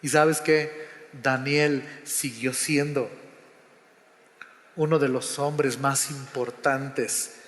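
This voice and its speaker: A man preaching a sermon, dramatic, acting out quotes and dropping to a hushed low voice. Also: fairly even intonation, drawn-out words, pauses often. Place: church sanctuary. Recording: roomy hall with long reverb.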